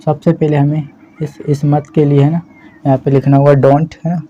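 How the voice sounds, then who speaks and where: A man teaching spoken English in Hindi, explaining slowly and checking in with "है ना" again and again. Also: fairly high pitch. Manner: slow, repeats "है ना" as a steady check-in. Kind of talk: explaining a language lesson in Hindi. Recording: slightly dull lo-fi audio with faint background hiss.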